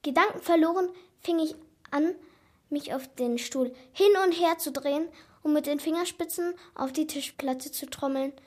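A woman narrating a children's story in an animated, dramatic first-person telling. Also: sits high, moderate pace.

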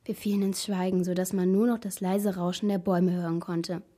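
A woman narrating a first-person storybook in a steady, tense manner. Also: on the low side, fairly quick.

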